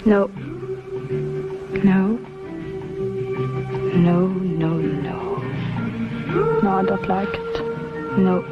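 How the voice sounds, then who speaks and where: A woman's voice: medium pitch, big pitch swings, drawn-out words, pauses often. A woman playing a choosy, emphatic shopper in short repeated exclamations, in an old TV commercial. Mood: fussy refusal. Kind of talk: acted TV commercial reactions. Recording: dull old TV ad, loud music.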